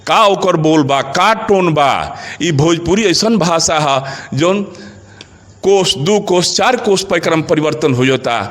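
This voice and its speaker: A man's voice: expressive, slow pace, a bit bright. Emphatic Bhojpuri-accented man. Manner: emphatic, rhetorical questions, rises in pitch when stressing points. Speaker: interviewee advocating for Bhojpuri. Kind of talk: passionate conversational interview.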